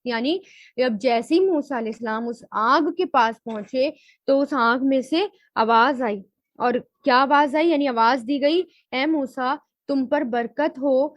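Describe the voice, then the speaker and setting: A woman teaching Quran grammar and tafseer. She asks questions and answers them herself, and slows down to spell out Arabic word forms. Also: high-pitched, dry recording.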